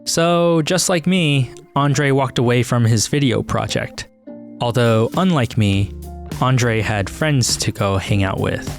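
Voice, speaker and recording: A man's voice: medium pitch, takes it slowly, creaky, faint music behind. A man hosting a podcast, narrating in a scripted, wry and self-deprecating way. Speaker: podcast host.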